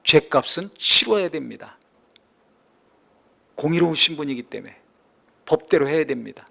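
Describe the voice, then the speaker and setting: A man preaching a sermon as pastor, building from calm explanation to impassioned, near-shouted climaxes. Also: fairly high pitch, normal speed, gravelly.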